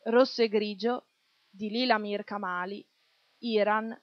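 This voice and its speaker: A woman reading a literary short story aloud in a steady, measured way. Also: mid-range voice, no echo. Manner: steady measured reading, voicing shouts in quotes. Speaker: reader. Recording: dull lo-fi dry recording.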